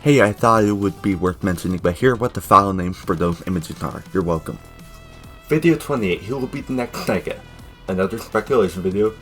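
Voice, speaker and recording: A young man casually narrating a fan video review, jokey and rambling, with sudden loud outbursts. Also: on the low side, lively intonation, fairly quick, soft background music.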